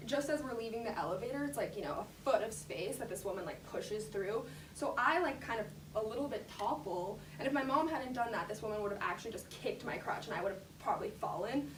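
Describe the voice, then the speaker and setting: A young woman tells a casual anecdote, her higher voice dotted with fillers and frequent laughs. She sounds a little far from the mic, in an echoey room with steady background noise behind her. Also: brisk. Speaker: storyteller.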